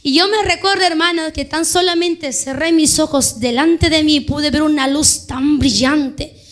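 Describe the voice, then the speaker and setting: A woman's voice: high voice, steady tone, normal speed. A woman preacher from Peru, giving a fervent sermon testimony and calling her listeners brothers. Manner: fervent, addresses listeners as brothers, quotes others in dialogue.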